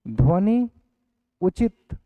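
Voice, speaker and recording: A male teacher giving an online exam-prep class, dictating points slowly and repeating each one. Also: high voice, very animated, no echo, faint music behind. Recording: dry, phone-like lo-fi audio.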